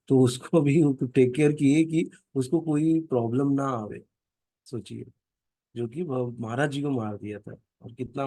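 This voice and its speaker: A man's voice: medium pitch, mellow, no room sound. A man leading a scripture class for families, explaining verses through stories and often asking his listeners "right?". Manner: storytelling, asks "ना?" and "हाँ?" to check listeners follow.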